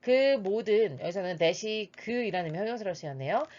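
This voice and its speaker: A woman explaining an English exam passage step by step, patient and methodical, often pausing on "uh". Her voice sits at an ordinary middle pitch. The recording is slightly dull and lo-fi. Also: lively intonation, darkish tone. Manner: patient, methodical, frequent "uh" fillers. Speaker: English teacher.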